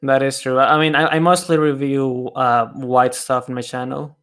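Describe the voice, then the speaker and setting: A man hosting a casual music podcast, speaking in a halting way with frequent restarts and soft laughs. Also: medium pitch, little pitch movement, clean tone. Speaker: podcast host and music reviewer. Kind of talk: casual chat.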